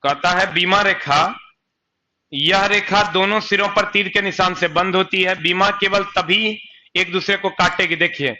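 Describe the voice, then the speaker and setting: Young male coaching teacher, bright lively tone, chatty lecture, dull lo-fi audio. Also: high-pitched, normal speed. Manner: chatty, asks students rhetorical questions, slips into local dialect. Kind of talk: live online exam-coaching lecture.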